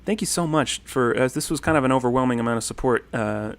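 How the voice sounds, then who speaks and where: A creaky mid-range voice at a quick pace comes from a male livestream host in his thirties. Casually reading through comments, he rambles in a friendly manner with frequent ums and thank-yous.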